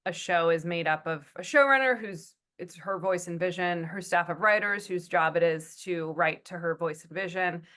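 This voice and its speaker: A woman's voice: lowish voice, moderate pace, hardly any pauses, a bit bright. A woman TV writer talking through her work in an interview, thoughtful, with fillers and restarts. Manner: thoughtful, many fillers and restarts, acts out quotes. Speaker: TV writer and producer, guest. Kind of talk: conversational interview.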